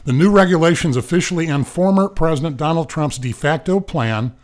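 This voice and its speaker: A man's voice: a little high, brisk. A man hosting a radio show, reading the news casually and breaking off into rambling, joking asides. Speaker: radio host. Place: radio studio.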